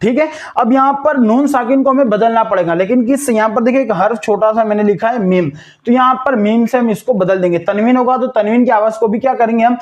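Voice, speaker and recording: A very high-pitched man gives a step-by-step Quran recitation lesson, slowly spelling out letters syllable by syllable. He patiently poses questions and then answers them himself.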